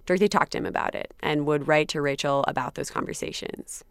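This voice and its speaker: A woman's voice: deep voice, quick pace, gravelly, clear, resonant tone, no echo, studio quality. Reflective woman narrating a documentary podcast. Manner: conversational, reflective storytelling. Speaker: podcast host. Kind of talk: scripted narration.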